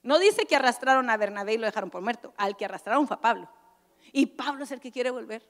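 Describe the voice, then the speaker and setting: A woman preaching a sermon at a church convention, dramatic, with sudden swings from loud exclamations to hushed asides. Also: fairly high pitch, expressive, fast. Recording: church hall reverb.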